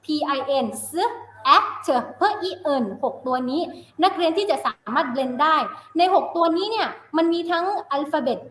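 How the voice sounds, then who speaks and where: Female teacher, high voice, bilingual lesson delivery with check-in questions, echoey room. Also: animated, unhurried, a bit bright. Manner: mixes Thai and English, asks checking questions. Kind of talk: live-streamed phonics lesson. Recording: roomy echo.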